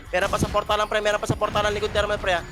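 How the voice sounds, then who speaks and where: A man from the Philippines with a high voice fires off game callouts at a breakneck pace, repeating each command again and again. His urgent calls ride over loud game music. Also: monotone, very fast. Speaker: team shot-caller. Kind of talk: fast repetitive in-game callouts.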